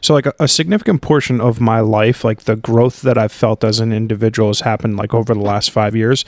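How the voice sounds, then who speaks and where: A man's voice: on the low side, steady tone, brisk, a little mellow, dry recording, studio quality. A man hosting a podcast in casual conversation, asking long rambling questions with fillers and restarts. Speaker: podcast host.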